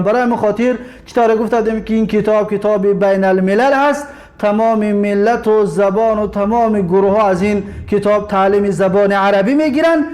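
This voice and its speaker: A man with a Tajik accent teaching an Arabic lesson on video, opening with formal religious greetings and repeating words slowly to drill pronunciation. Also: high voice, a little mellow.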